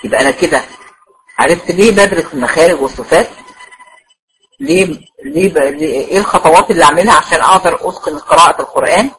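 A low-pitched, fast-talking Egyptian woman with an Egyptian Arabic accent teaches a tajweed lecture to female students as a Quran recitation teacher. Her slightly bright voice explains step by step, and she often confirms they're following. The audio is poor, with a little hiss or hum.

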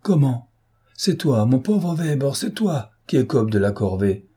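A man reading an audiobook and voicing a mocking, self-assured gentleman thief with a raised, teasing, theatrical voice. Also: mid-range voice, big pitch swings, a little slow, husky, pitched above the performer's own voice.

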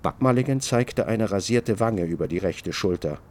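A man giving measured, scripted literary narration for a radio drama. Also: lowish voice, expressive, darkish tone. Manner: measured, descriptive reading.

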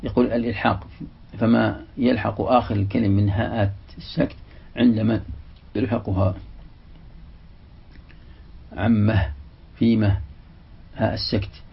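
A man giving a religious lesson, reading a passage from a classical text and then explaining it slowly, repeating the example words. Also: lowish voice, level tone, creaky, husky. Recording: dull, lo-fi lecture recording.

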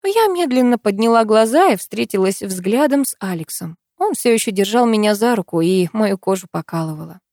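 A woman reading a first-person novel as an audiobook narrator, in an expressive, lively way. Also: mid-range voice, a little fast, hardly any pauses, dry recording, clean studio sound.

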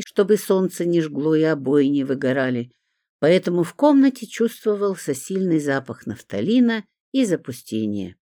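A woman narrating a first-person audiobook in a wry, lively telling. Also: sits low, no room sound, clean studio sound.

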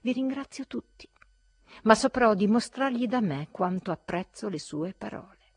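A woman's voice: mid-range voice, expressive, normal speed, slightly rough, dry recording, clean studio sound, pitched above the performer's own voice. A woman reading an audiobook, voicing a pompous young officer who speaks solemnly and loftily. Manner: solemn, lofty.

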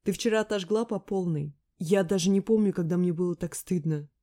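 A woman reading an audiobook, voicing a sharp-tongued young woman friend who scolds and mocks loudly. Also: lowish voice, a little fast, lightly acted. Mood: mocking. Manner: loud, scolding, sarcastic. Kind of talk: audiobook character voice.

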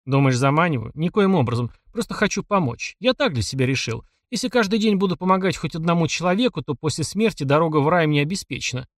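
A man's voice: on the high side, lively intonation, quick pace, few pauses, no echo, clean studio sound, voice pushed up. A man reading an audiobook and voicing a sly, chatty driver in his thirties who teases and questions. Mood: jovial. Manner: chatty, teasing, probing.

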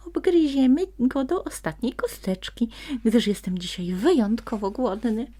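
A woman voicing a small, excitable male forest elf who calls out in shrill, breathless exclamations. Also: measured pace. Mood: gleeful.

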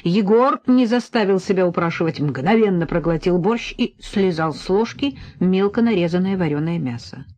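Warm, lively woman narrating a novel. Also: lowish voice, normal speed, hardly any pauses, no room sound. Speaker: audiobook narrator. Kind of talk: scripted narration. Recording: dull lo-fi recording.

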